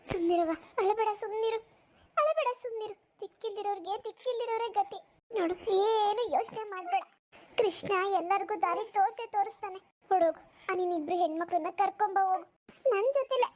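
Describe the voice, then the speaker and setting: A woman's voice: very high-pitched, brisk, darkish tone. A woman voicing a kindly, lonely old village grandmother in a cartoon, talking in a rustic, motherly, consoling way. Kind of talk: cartoon voice acting.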